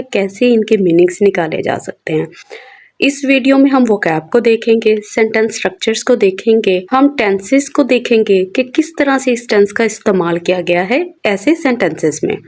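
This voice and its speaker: Woman English teacher, a touch high, who asks and answers her own questions over an editorial. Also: a little mellow. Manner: asks herself questions and answers them, reading English phrases slowly. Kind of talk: explaining a newspaper editorial to students.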